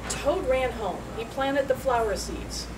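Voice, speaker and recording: A woman reading a children's story aloud in an expressive, deliberate storytelling manner. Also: high voice. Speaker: school staff member reading a story. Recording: distant mic, loud background noise.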